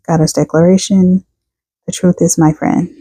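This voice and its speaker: A woman's voice: fairly low pitch, little pitch movement, moderate pace, mellow, husky, no room sound, poor audio. A woman doing a casual tarot reading for her viewers, chatting and reading card texts aloud, tired and yawning. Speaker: tarot reader.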